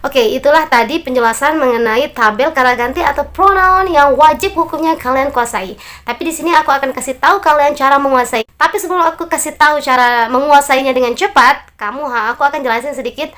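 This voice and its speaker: Female English teacher, Indonesian accent, high voice, encouraging, models each word slowly. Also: fairly bright tone. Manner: slow, drawn-out model pronunciations; friendly and encouraging, addresses learners directly. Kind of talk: online English lesson for beginners.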